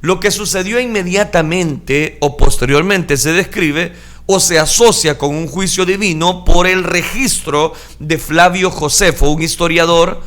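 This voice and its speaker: High-pitched preacher guy, dramatic sermon, keeps flipping from calm to loud. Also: a little slow. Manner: dramatic, shouts acted crowd lines.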